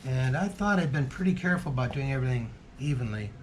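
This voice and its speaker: A man's voice: mid-range voice, lively intonation, quick pace, slight background noise. A man hosting his own guitar-building vlog, talking casually and hesitantly, thinking aloud with frequent ums and restarts. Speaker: hobby guitar builder and channel host. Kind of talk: casual workshop vlog narration.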